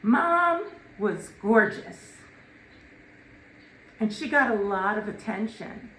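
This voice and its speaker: A woman delivering a eulogy to family, telling stories in a measured way with dramatic pauses and emphasis. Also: mid-range voice, expressive, fairly bright tone. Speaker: eulogist, daughter of the deceased. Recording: echoey room with faint noise.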